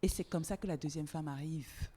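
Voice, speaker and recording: A woman's voice: sits low, brisk, dark tone. A woman from Togo, a podcast guest, talking candidly and emphatically in a conversational interview, swearing casually and repeating words for emphasis.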